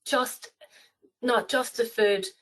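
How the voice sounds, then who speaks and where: A woman's voice: a little high, steady tone, slow pace, fairly bright tone, low-quality recording. Chatty Irish woman, many ums. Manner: rambling, many fillers and restarts. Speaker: travel company representative. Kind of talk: webinar interview.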